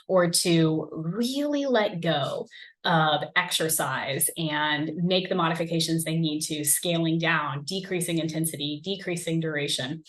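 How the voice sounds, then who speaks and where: Chatty woman podcast coach, lowish voice. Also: low-quality recording. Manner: casual, conversational, frequent "like" and "um". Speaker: podcast host and recovery coach. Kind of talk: solo podcast talk.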